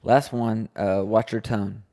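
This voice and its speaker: A man co-hosting a podcast, easygoing and agreeable, speaking in quick bursts during casual conversation. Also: lowish voice, little pitch movement, warm tone. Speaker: podcast co-host. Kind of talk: casual chat.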